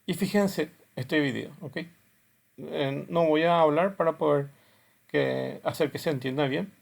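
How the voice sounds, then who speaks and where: A man's voice: a little high, unhurried, gravelly. A man teaching a class, explaining step by step while he shows videos and often checks in with the students. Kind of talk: classroom lecture with video demos.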